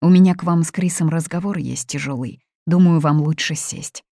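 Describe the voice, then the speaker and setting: A cold, fearless young woman, voiced by a woman narrator in a story reading. The voice sits low and slightly gravelly, hard and cutting. It is recorded dry and close. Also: moderate pace, dark tone, no echo. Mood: cold, firm. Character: blunt, fearless young woman confronting a family.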